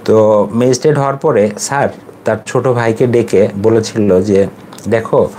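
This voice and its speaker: A man in his forties with a Bangladeshi accent, an English teacher talking casually to his students, reflective and halting, with many fillers. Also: lowish voice, steady tone, warm tone, slight background noise. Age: 40s.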